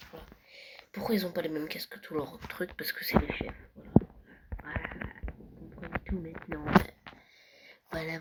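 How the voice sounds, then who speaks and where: A young vlogger touring a Minecraft world late at night, often whispering and speaking softly. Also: mid-range voice, poor audio. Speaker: gaming vlogger. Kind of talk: casual Minecraft world tour. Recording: loud background noise.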